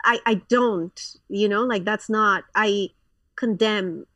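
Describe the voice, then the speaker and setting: A woman's voice: mid-range voice, slow, fairly bright tone, no room sound, distant mic, highs cut off. A woman in her thirties from Colombia, a pastor, talking frankly as a guest in a casual interview, with lots of fillers and restarts.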